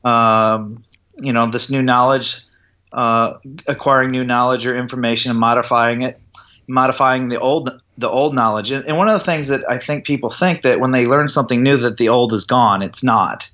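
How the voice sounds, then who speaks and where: A man's voice: medium pitch, fairly even intonation, moderate pace, sharp tone, lo-fi sound. Man explaining golf putting instruction. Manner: explanatory, checks in with "does that make sense". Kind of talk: interview conversation.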